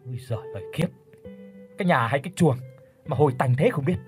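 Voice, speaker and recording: A man voicing a sneering, sharp-tongued daughter-in-law, in an audio storybook. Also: fairly high pitch, expressive, fast talker, soft background music, natural voice. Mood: disgusted. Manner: sneering and scolding.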